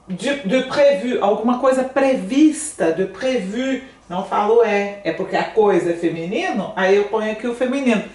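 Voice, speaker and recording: A woman with a Brazilian Portuguese accent who teaches French, explaining in a chatty, animated way and often asking "né?". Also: fairly high pitch. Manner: chatty, animated, asks "né?" a lot. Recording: echoey room, somewhat distant mic.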